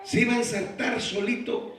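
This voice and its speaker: A male pastor preaching a sermon, moving from quiet storytelling to shouted exhortations and rhetorical questions. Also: very high-pitched, steady tone, normal speed. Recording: very echoey church hall, preacher far from the mic.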